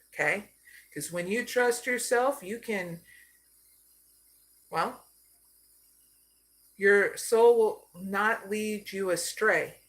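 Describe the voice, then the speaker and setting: A woman from Arizona giving a live card reading, slow and soothing, often checking in with "okay?". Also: medium pitch, fairly bright tone. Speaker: psychic card reader.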